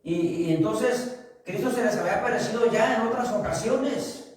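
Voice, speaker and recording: A man preaching a sermon as pastor, asking the congregation questions and answering them himself, slowing down to stress key phrases. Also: sits high. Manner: slows down for emphasis on key phrases. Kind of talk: sermon with humorous anecdotes. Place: church sanctuary. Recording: echoey church hall, distant mic.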